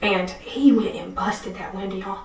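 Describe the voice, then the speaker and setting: A woman's voice: medium pitch, fairly even intonation, moderate pace, gravelly, distant mic, slight background noise. Rambling woman in an echoey interview room. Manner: rambling, anxious retelling with many restarts. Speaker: interviewee questioned by detectives. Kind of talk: police interview statement. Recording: echoey room, speaker off-mic.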